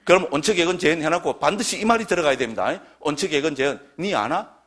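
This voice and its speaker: A man's voice: a little high, expressive, quick pace, fairly bright tone. A man lecturing on Buddhist scripture, emphatic and constantly checking in with his listeners through short tag questions.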